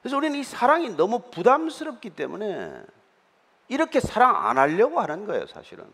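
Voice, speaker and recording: Lively high-pitched pastor in echoing hall. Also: male voice, fairly quick, husky. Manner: explanatory, conversational preaching with frequent hesitation fillers. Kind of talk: sermon. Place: church sanctuary. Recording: reverberant church hall.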